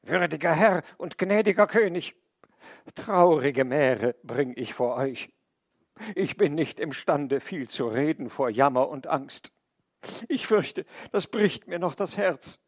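A talkative crow pours out his sorrow in a wailing, pleading lament, as a man reads him. The telling is slow and drawn out, close and dry with no room sound, like an old storybook fable. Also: a little high, no room sound.

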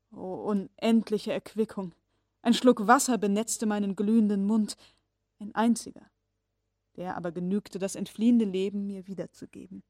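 A woman narrating a classic novel as an audiobook reader, measured and expressive. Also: mid-range voice, no echo, clean studio sound.

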